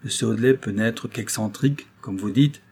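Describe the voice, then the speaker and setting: A man reading the part of a cold, secretive young noblewoman who speaks in a grave, measured tone. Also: fairly low pitch, a little mellow, husky.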